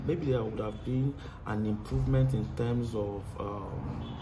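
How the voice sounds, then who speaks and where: At his outdoor workshop next to a tiled wall, an earnest Nigerian mechanic gives casual interview answers, gesturing a lot and repeating phrases for emphasis. His voice is lowish and steady, a little slow, recorded on a lapel mic with clear outdoor background noise.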